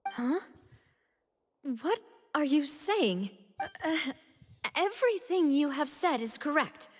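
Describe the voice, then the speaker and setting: A woman's voice: high voice, big pitch swings, takes it slowly, exaggerated voice. An actress voicing a bewildered, forthright young noblewoman standing trial in a video game. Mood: puzzled. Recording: long hall reverb, music underneath.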